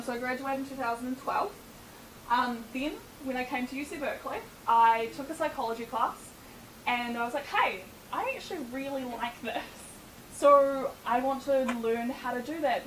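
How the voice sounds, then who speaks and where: A woman's voice: a little high, roomy sound, far from the mic, slight background noise, rough recording. A young woman from New Zealand with a New Zealand accent, giving a chatty presentation talk full of ums and small laughs. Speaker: student speaker.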